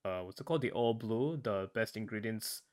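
A man in casual podcast chat, retelling a story in a relaxed way full of fillers and tag questions. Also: on the low side, fairly quick. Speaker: podcast co-host.

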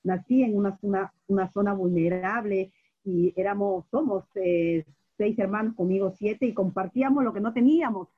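A woman's voice: mid-range voice, moderate pace, husky, narrow, tinny audio. A woman from Peru with a Peruvian accent, talking conversationally, repeating phrases and often seeking agreement with tag questions. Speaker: journalist. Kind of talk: casual conversational interview.

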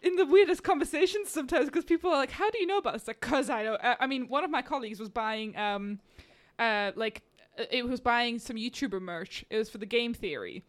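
Excitable woman from Slovakia, casual chat. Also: on the high side, a little fast, few pauses. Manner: animated, laughs often, excitable.

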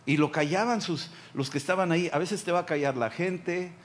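With a fairly high-pitched voice and a brisk delivery, this man preaches as a pastor, addressing the listener directly and performing the voices of figures from the Bible.

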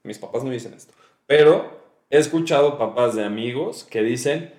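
A young man with a Mexican Spanish accent tells stories in a laid-back, casual podcast chat. His voice is mid-pitched. It rings in an echoey room. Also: moderate pace, a little mellow. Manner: laid-back storytelling, frequent laughter. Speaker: podcast co-host.

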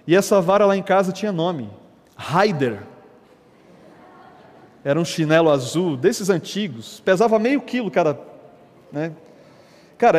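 A man preaching a sermon as a pastor, telling stories in a lively, conversational way. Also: a little high, long reverb tail. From Brazil. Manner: animated, conversational preaching with storytelling.

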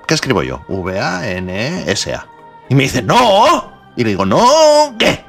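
A man's voice: on the low side, wildly swooping pitch, normal speed, gravelly. A blunt, foul-mouthed man trades jokes on a comedy podcast. His voice swings widely up and down as he rants, and faint music hums underneath. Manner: brash, blunt, swears freely. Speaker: podcast co-host. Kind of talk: crude comedic banter.

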